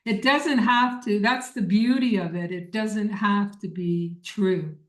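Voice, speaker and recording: Leading an informal online workshop from an echoey indoor room over a video call, a woman answers questions in an encouraging, emphatic manner. Her mid-range voice moves slowly.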